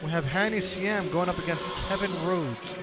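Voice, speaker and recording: A man giving casual live fight commentary in a hesitant, halting way. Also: sits high, over a noisy crowd. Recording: loud music behind the voice.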